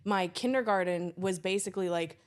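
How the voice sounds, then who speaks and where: A woman's voice: on the low side, fairly quick, smooth. A young woman from Trinidad, a geologist guest telling her story in a chatty, filler-heavy way. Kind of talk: casual interview chat.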